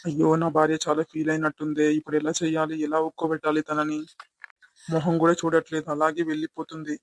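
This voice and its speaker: A man voicing a puzzled, soft-hearted young husband in a village comedy skit, fretting aloud. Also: fairly high pitch, completely flat delivery, quick pace, no echo, natural voice, rough recording. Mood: worried.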